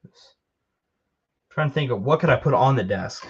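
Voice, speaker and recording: A man's voice: mid-range voice, expressive, moderate pace, highs cut off, a little hiss or hum. A man casually commenting while he builds with Lego, rambling and joking at himself as he works. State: tired.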